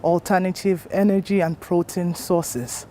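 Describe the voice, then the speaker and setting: Mellow-voiced Nigerian woman researcher. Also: fairly low pitch, steady tone, a little slow, slight background noise. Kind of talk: interview testimonial.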